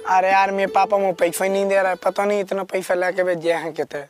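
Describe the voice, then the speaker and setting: An actor playing a whining, broke young village son with a rustic manner in a comedy skit. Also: male voice, sits high, flat delivery, fast, soft background music, lightly acted. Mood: doubtful. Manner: complaining, rustic.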